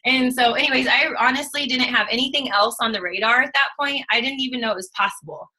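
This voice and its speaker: A woman in her thirties telling her own story in a casual, animated way, acting out what she and others said. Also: high-pitched, fast, rough recording. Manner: animated, emotional storytelling with quoted asides. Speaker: network marketing distributor. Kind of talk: casual testimonial chat.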